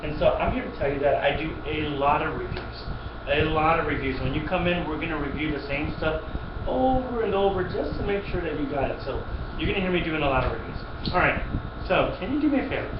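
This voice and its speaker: Quick and lively in his intonation, a man with a fairly high voice teaches a child piano one-on-one, encouraging the student, repeating himself, and offering frequent praise. The sound comes through a far-off, muffled webcam in an echoey room, with music playing and a noisy background.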